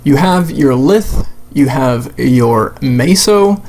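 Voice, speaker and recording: A man's voice: medium pitch, lively intonation, slow, darkish tone. A man giving an unscripted, blunt and sweary rant as commentary over a video game, sounding exasperated. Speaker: gamer making a rant video.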